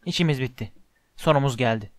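A man's voice: mid-range voice, fast, dry recording, clean studio sound, close to an everyday voice. Man doing an angry grumbling schoolboy. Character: hot-tempered schoolboy, grumbling.

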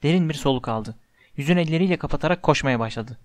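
A man's voice: on the high side, fast talker, dry recording. Man narrating an audiobook, dry close sound. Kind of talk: storybook narration.

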